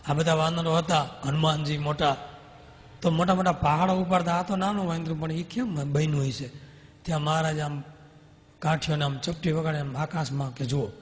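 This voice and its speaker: A man gives a devotional storytelling sermon. He acts out the dialogue with animation, in a fairly high voice. A long hall reverb trails behind him. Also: fairly bright tone. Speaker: swami.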